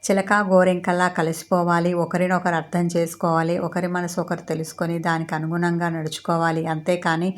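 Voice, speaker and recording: A woman's voice: on the low side, flat delivery, a little fast, few pauses, lightly acted. A woman voicing an elderly grandmother who questions and advises her grandson in a storybook romance. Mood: probing. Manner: probing and advising. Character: elderly grandmother, nosy and caring.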